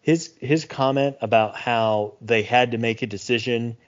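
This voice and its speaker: A man's voice: mid-range voice, unhurried. A man co-hosting a sports podcast, speaking earnestly and reflectively with plenty of fillers. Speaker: podcast co-host. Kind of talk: casual sports podcast talk. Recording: muffled lo-fi podcast audio.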